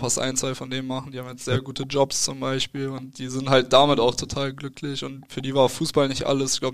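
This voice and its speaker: A young man, a football player, answering interview questions in a relaxed, hesitant way with fillers and restarts. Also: medium pitch, clean tone.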